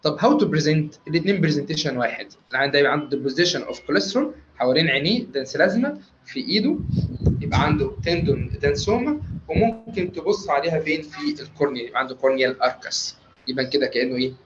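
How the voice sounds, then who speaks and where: A man with an Egyptian Arabic accent giving a medical lecture, quickly quizzing his listeners with questions and answering them himself. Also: fairly high pitch, lively intonation, dull audio, background noise.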